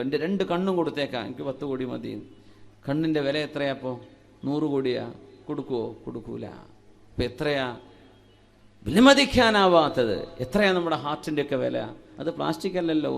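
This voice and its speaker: A man's voice: fairly high pitch, vocal fry. A male preacher giving an Islamic sermon. He chants Arabic verses in a singing style and asks the listeners one rhetorical question after another.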